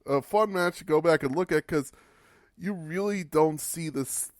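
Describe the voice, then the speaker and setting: A man's voice: a little high, moderate pace, no room sound, clean studio sound. Casual man recapping wrestling matches. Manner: casual, wry, swearing for humor. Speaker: podcast host.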